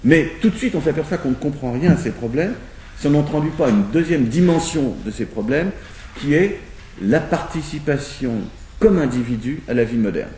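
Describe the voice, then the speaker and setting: A male sociologist who lays out his argument aloud, pausing and restarting as he thinks it through. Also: on the high side, animated, darkish tone, reverberant, recorded from a distance, slight background noise. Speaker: sociologist in a discussion. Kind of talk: spoken lecture-style argument.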